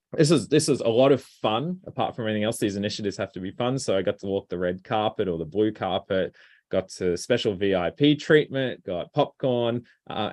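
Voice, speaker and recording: A man giving a presentation talk as a robotics researcher, speaking in a relaxed, conversational way with frequent ums and restarts. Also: fairly low pitch.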